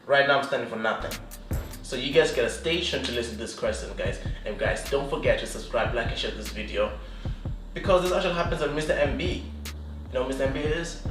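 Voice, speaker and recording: A man hosting a casual video chat with two guests, lively and jokey, often laughing. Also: mid-range voice, fast. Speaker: host. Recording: echoey room, voice from a distance, faint music behind.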